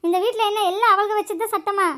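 A woman's voice: very high voice, fairly even intonation, quick pace, pushed and bright, a little hiss or hum. Woman voicing a bossy old grandmother. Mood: scolding. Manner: scolding, nagging. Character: older grandmother, bossy mother-in-law, quick-tempered.

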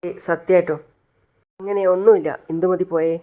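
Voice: medium pitch, fairly even intonation, brisk, dark tone, close to an everyday voice. A storyteller voicing a flustered young man who is shy about his crush and keeps denying it.

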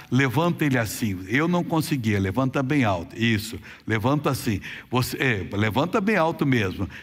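A man's voice: medium pitch, breathy edge. A man with a Brazilian Portuguese accent, leading a healing prayer sermon in commanding, repeated orders. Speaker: preacher. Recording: long hall reverb.

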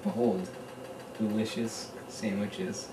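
It's night in a small home kitchen, where a young man hosts his homemade cooking show slowly and offhandedly, rambling with many fillers. His voice is fairly low and barely moves in pitch. The casual demo is recorded on a close handheld camera mic, and the audio is noisy.

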